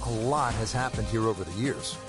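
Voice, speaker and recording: A man playing a composed golf commentator, calling play in a measured, approving, polished broadcast delivery for a video game. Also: lowish voice, lightly acted. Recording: loud music and crowd behind. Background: music and crowd.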